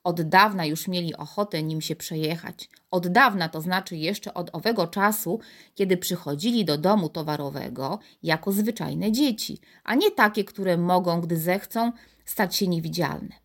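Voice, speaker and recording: A woman's voice: lowish voice, moderate pace. A woman reading a children's story aloud as the narrator. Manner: expressive, animated.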